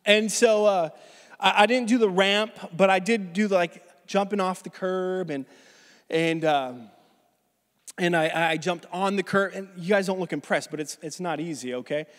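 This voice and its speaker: A man's voice: high voice, normal speed, fairly bright tone. A man in his thirties preaching a sermon as pastor, telling a story casually with many restarts, a little out of breath. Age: 30s. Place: church hall. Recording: reverberant church hall.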